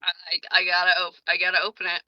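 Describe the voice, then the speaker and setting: A woman's voice: lowish voice, monotone, fast, no echo, dull audio. A woman playing a tabletop role-playing game, casually and hesitantly describing her character's actions.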